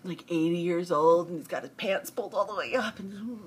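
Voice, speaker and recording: A woman's voice: fairly low pitch, a little fast, slight background noise. A mother telling a personal story casually, often breaking into laughter. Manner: breaks into laughter, giggly and animated.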